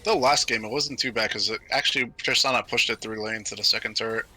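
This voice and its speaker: A man casting a video game match, talking through the action in brisk, analytical play-by-play with frequent fillers. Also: lowish voice, bright, forceful tone, faint music behind. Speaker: esports caster. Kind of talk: play-by-play commentary.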